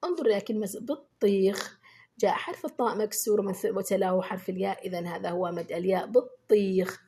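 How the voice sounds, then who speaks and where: A woman teaching beginners and speaking to pupils. She praises them often and draws out the example words slowly and clearly. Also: mid-range voice, dark tone, slight background noise. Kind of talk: children's lesson addressing pupils.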